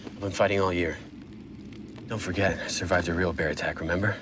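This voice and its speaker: A man plays a brave teenage boy fighter in a screen drama. His voice is deep and hushed, with an earnest, devoted manner. Clear ambient noise sits around him. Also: steady tone, brisk, close to an everyday voice. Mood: resolute. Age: young adult.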